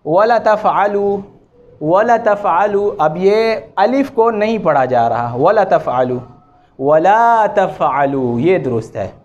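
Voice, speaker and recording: A man teaching Quran recitation rules, chanting examples with long drawn-out vowels and correcting common mistakes. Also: sits high, a little mellow, highs cut off. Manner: draws out vowels and repeats examples slowly, then corrects. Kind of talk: slow, patient tajweed lesson with chanted examples.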